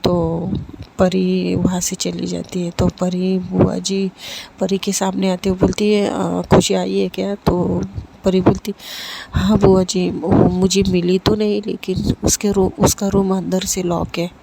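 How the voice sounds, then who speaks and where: Woman telling a story, flat voice. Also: on the low side, a little slow, vocal fry. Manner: voices characters lightly in her own voice, many fillers and restarts. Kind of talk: casual spoken storytelling. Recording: steady background noise.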